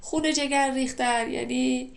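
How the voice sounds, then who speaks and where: A woman teaching classical poetry, who reads verses slowly and then explains them in lively everyday speech. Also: sits high, creaky. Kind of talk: conversational poetry lesson.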